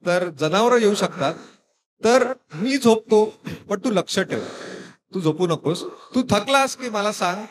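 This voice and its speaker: A man doing a calm, fearless legendary hero. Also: high voice, measured pace. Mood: calm, protective.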